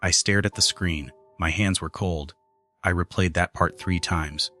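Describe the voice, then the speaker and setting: A man reading a scripted first-person horror story in a measured, even way. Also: deep voice, faint music behind. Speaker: narrator.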